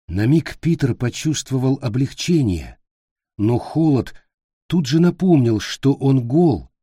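A man reading a story aloud as measured, scripted narration. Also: mid-range voice, warm tone, breathy edge, no echo, clean studio sound. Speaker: audiobook reader.

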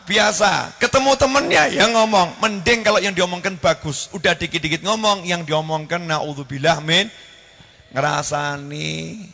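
A man preaches in a high, bright voice. He talks animatedly, repeats his words and keeps asking the audience questions. His voice carries a long hall reverb. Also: creaky. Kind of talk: sermon.

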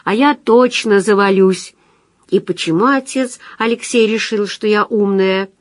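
A woman's voice: mid-range voice, unhurried, no room sound, natural voice. A teasing young woman with a playful, self-mocking way of talking, as a female audiobook reader puts her on. The voice sits in a middle register and sounds close and dry, with no room around it.

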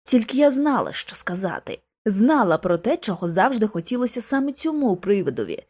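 Expressive woman narrating an audiobook. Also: medium pitch, fairly quick, slightly rough. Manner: expressive, dramatic. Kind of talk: scripted narration.

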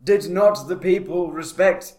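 A man's voice: high-pitched, a little slow, a little mellow. A man playing a solemn, demanding, dying Mother Superior with formal phrasing in an improvised comedy scene. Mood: reproachful. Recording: echoey room.

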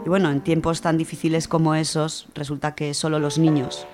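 Someone with a Spanish accent gives an informal, colloquial book review on the radio, explaining things conversationally. The mid-range voice moves little in pitch and runs a little fast, with music playing underneath.

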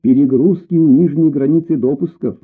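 A man reading out the lines of a ship computer in a calm, emotionless, flat tone, with a tinny, narrow sound. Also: fairly high pitch, moderate pace, husky. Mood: dispassionate. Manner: flat, dispassionate reports. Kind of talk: audiobook narration.

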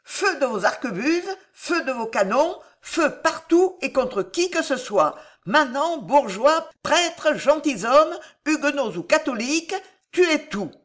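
A woman's voice: high-pitched, very animated, takes it slowly, voice pushed up, full character voice. A woman reading an audiobook, voicing an imperious aging queen who gives ruthless orders in an emphatic, commanding way. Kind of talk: audiobook character voice.

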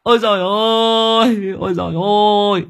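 A man voicing an old male pond owner who wails and laments in a shrill, strained voice. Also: steady tone, moderate pace, creaky, fairly bright tone. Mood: wailing.

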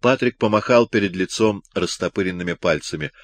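A man narrating a story for an audiobook in an expressive, measured way. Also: sits low, no echo. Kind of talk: scripted narration.

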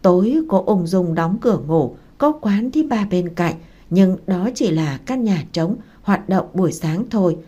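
A woman, narrating a dramatic story in a steady reading voice. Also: on the low side, unhurried.

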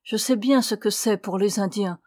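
A woman's voice: mid-range voice, normal speed, darkish tone, no echo, natural voice. An audiobook figure: a desperate, fiercely protective young man, read by a woman narrator. He pleads with urgent passion and his voice swells when he presses a point. The reading is close and dry, with no room sound. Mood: anguished.

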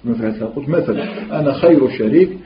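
A man's voice: medium pitch, fast talker, a little hiss or hum. Guy giving a religious lesson, explains stuff with lots of rhetorical questions, echoey room, kinda muffled. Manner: explanatory, asks rhetorical questions, mixes classical with dialect. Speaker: religious teacher. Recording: roomy, dull lo-fi recording.

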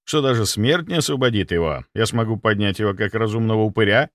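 A man reading a story aloud as the narrator, with a dry, lively manner. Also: fairly low pitch, fast, no echo. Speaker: audiobook narrator. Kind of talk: scripted narration.

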